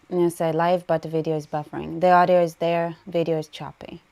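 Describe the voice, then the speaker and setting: A woman's voice: lowish voice, creaky, a little mellow. A woman with an Israeli accent hosting a casual livestream, chatting, laughing often and reading viewer comments aloud. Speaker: livestream host.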